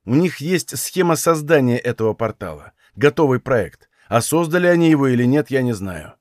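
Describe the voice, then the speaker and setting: A man's voice: mid-range voice, animated, normal speed, darkish tone, no room sound, studio quality, lightly acted. A man voicing a brash, combative young male mage who swears bluntly. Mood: tense.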